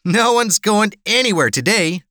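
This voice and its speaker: A man voicing a wiry, jumpy junkie gunman with a whiny, excitable way of talking, in an audiobook. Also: high-pitched, measured pace, no room sound, clean studio sound, voice pushed up, full character voice. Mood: excited.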